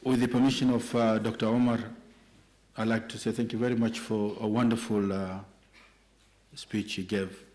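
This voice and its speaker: A middle-aged Kenyan man responds on an evening panel, speaking in a joking, conversational way. His voice is on the low side and a little mellow, with little pitch movement and a moderate pace.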